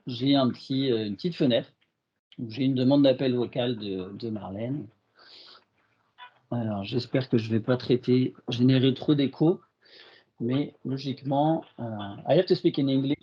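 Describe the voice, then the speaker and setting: Man, French accent, webinar software demo, halting with fillers, mid pitch, dull lo-fi computer mic. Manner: hesitant, many fillers and restarts. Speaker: IT consultant presenting a demo.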